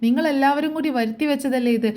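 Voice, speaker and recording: A woman's voice: high-pitched, quick pace, a little mellow, pitched above the performer's own voice, lightly acted. A woman voicing a bitter, angry middle-aged mother who scolds and wails her complaints. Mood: wailing.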